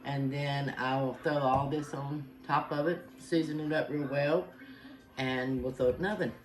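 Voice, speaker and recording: A woman's voice: extremely low pitch, steady tone, normal speed. A middle-aged woman, chatting through a home cooking demonstration with many "uh" fillers. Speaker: home cook. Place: home kitchen. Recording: noisy home kitchen ambience.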